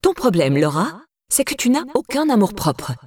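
A woman's voice: medium pitch, very animated, normal speed, a little mellow, no room sound, clean studio sound. Woman voicing a sneering, hard stepmother in an audiobook. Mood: contemptuous. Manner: sneering, contemptuous, needling. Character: harsh, scornful stepmother, thin and hard.

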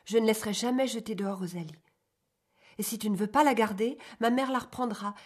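Guy doing a gentle young lady voice, soft and coaxing, a bit breathy, high for him, audiobook style. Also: a little fast. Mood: firm. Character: gentle patient young woman, mistress of the house. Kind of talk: audiobook character voice.

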